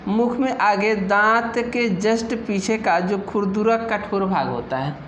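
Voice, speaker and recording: Slow, patient woman teacher in echoey room. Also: medium pitch. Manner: slow, patient explaining with questions to students. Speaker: Hindi teacher. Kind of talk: online exam-prep lesson. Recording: echoey room with faint noise.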